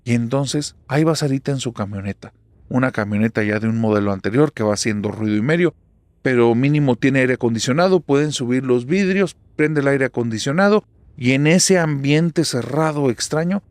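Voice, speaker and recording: A man's voice: medium pitch, a little fast, a little mellow, no echo. A man with a Mexican accent narrating a horror story for a podcast in a dramatic, conversational way.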